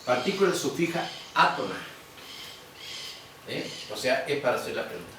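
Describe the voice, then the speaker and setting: A man's voice: medium pitch, big pitch swings, pushed and bright, a little hiss or hum. Man teaching, echoey far room. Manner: explanatory, quizzes students, repeats words slowly. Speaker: guaraní teacher. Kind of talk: classroom lecture. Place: museum classroom.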